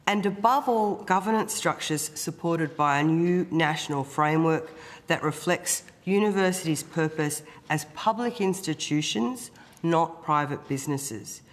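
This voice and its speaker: Croaky froggy aussie union rep, hoarse, reading a formal statement, mid pitch, big echoey room. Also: unhurried. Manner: formal, emphatic. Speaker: union representative. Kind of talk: prepared opening statement to a parliamentary committee. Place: committee hearing room. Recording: echoey hearing room with long reverb.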